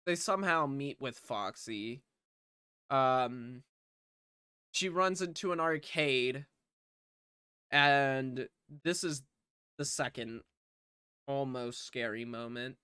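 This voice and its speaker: A man's voice: mid-range voice, takes it slowly, pauses often, pushed and bright, smooth, dry recording, studio quality. A man casually recapping a movie plot in a loose, rambling way, with swearing and lots of fillers. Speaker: movie reviewer.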